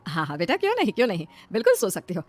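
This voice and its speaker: A woman's voice: mid-range voice, huge pitch swings, very fast, faint music behind. A woman playing a kindly mother-in-law. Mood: gentle. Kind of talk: comic skit dialogue.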